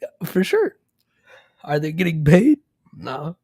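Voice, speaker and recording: Male podcast co-host, slightly higher voice, loose and giggly, close dry mic. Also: big pitch swings, slow pace, warm tone, no room sound. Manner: laughs often, loose storytelling with many fillers. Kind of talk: casual chat. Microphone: close studio mic.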